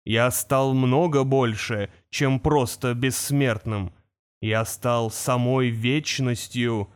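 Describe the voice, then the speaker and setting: A man voicing an ancient male creature of stone and fire, speaking slowly and ominously. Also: mid-range voice, steady tone, clean tone, close to an everyday voice. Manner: slow, solemn, ominous.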